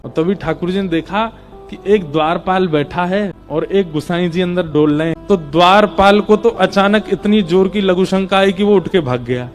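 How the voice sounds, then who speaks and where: A man tells a devotional story with expressive, reverent narration. His voice is high, and faint music plays underneath. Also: moderate pace.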